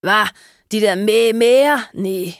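A woman voicing a grumpy male crow with a raspy, screeching voice and a loud, sarcastic manner. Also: medium pitch, no room sound, clean studio sound, lightly acted.

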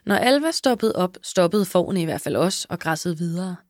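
A woman narrating a children's story in a lively, expressive way. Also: lowish voice, dry recording, clean studio sound. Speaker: audiobook narrator. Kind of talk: scripted narration.

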